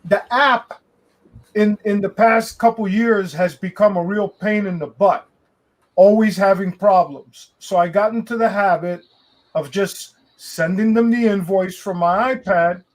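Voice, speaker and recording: A man in his sixties hosting a casual stream chat, chatty and quick to laugh, grumbling about clients who pay late. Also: sits high. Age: 60s.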